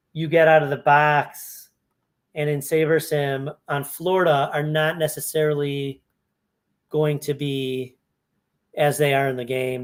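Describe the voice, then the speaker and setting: A man with a somewhat raised pitch talks loosely as an analyst going over fantasy sports picks. He thinks aloud and backtracks, conversational rather than scripted. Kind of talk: casual screen-share walkthrough.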